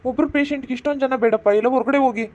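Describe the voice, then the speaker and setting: A man's voice: extremely high pitch, fast talker, a little mellow, muffled recording. A man playing a firm hospital doctor who orders a crowd of relatives out of the ward. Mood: stern. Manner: firm, scolding, orders people out. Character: stern hospital doctor, adult man, brisk.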